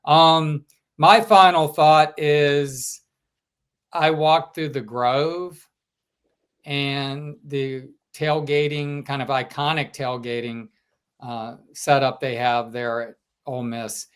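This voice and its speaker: A man co-hosting a sports podcast, telling stories from a road trip in a casual, animated way. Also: medium pitch, slow pace, smooth. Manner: storytelling, quotes fans in lively asides. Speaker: podcast co-host, sports reporter.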